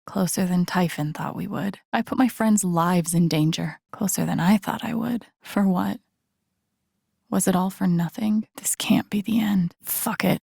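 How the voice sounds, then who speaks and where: This young video game heroine, earnest and full of self-doubt, muses quietly to herself in an inner monologue that sounds defeated and worried. Her mid-range voice is breathy and husky with gravelly fry, a little slow and mellow, recorded very dry and close with no room sound. The heavily acted performance still comes across as naturalistic, introspective and wry.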